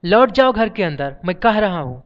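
A stern, cold husband snaps firm warnings, as a male narrator plays him. His voice is smooth and a bit high. The sound is dull and lo-fi. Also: moderate pace, natural voice. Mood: harsh. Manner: firm, threatening, raised voice. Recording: dull lo-fi audiobook recording.

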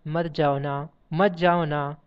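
A man's voice: a little high, smooth, lightly acted. A man putting on a pleading, desperate young wife. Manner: rapid, begging, repeating herself. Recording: dull lo-fi audiobook recording.

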